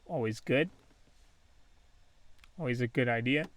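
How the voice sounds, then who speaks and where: A man's voice: mid-range voice, unhurried, a bit bright, a little hiss or hum. A man casually commentating his own game play, thinking aloud with many ums and small laughs. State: has the hiccups. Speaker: gaming channel host.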